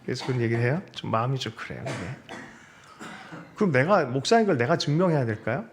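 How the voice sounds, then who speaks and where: A male pastor preaching a sermon in a church, animated and often asking the congregation questions. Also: medium pitch, fast talker. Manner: animated, asks the congregation questions and seeks their agreement. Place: church sanctuary.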